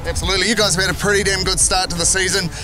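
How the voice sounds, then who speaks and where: A man's voice: sits high, little pitch movement, racing, music in the background. A man with a New Zealand accent hosting casual, upbeat sports interviews. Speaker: host and interviewer. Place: outdoors at a speedway track.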